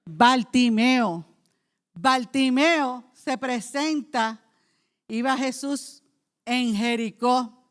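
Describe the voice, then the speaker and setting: Woman, pastor, sermon, impassioned, fairly high voice, soft to loud cries. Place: church.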